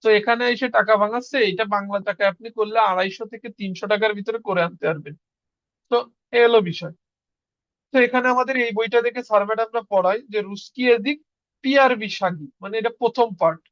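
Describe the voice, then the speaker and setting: A man's voice: sits high, fast talker, fairly bright tone, no room sound. A man teaching a beginners' class, sounding out letters one by one and coaxing students to practise. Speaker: language teacher. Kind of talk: informal classroom lesson. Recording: dull dry lo-fi recording.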